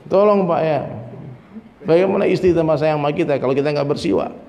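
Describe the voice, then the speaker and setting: Male preacher, fairly high, chatty sermon style with jokes; reverberant hall. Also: quick pace, a little mellow. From Minangkabau, West Sumatra. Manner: conversational preaching, keeps addressing listeners as "Pak", jokes and mimics people. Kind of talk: dawn sermon. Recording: faint noise, long hall reverb.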